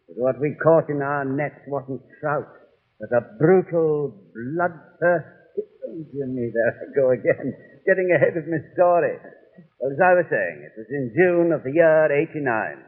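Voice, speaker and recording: A thin, boxy vintage radio recording with long reverb carries a genial older doctor. His voice sits a little high. He rambles in an avuncular way, as if reminiscing by the fire for radio listeners. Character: genial, chatty old English doctor reminiscing about detective adventures. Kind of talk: 1930s radio storytelling and sponsor patter. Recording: tinny, hollow 1930s radio recording.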